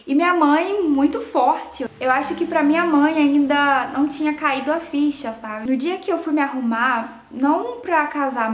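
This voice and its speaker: A young woman from Brazil with a high voice tells a personal story straight to the camera. She speaks in an animated, emotional way, and her voice rings in an echoey room. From Rio de Janeiro, Brazil. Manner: animated, emotional, talks to viewers directly. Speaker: vlogger.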